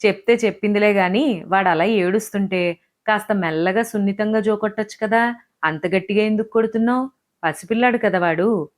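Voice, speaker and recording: A woman's voice: mid-range voice, moderate pace, lightly acted. A woman voicing a frustrated young husband in an audiobook, reproachful and heated, in her own near-normal voice. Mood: angry. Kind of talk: audiobook character voice.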